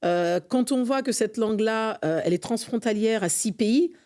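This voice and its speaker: A middle-aged French guest on a conversational podcast, who serves as an association vice-president, speaks earnestly and ardently, hesitating often, in a slightly mellow voice on the high side at a moderate pace.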